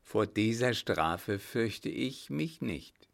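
A cruel baron who sneers, laughs and threatens, as a male reader plays him. The voice is slow and gravelly, lifted a bit above the reader's own. It is told like a storybook. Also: lowish voice, lively intonation, exaggerated voice. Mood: sneering. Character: scheming baron, mocking, cruel, self-assured.

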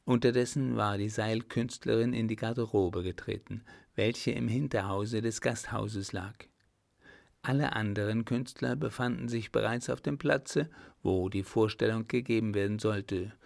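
A man reading a novel aloud as narrator, in measured, even storytelling. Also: on the low side, gravelly, no echo, clean studio sound. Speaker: audiobook narrator. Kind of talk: scripted narration.

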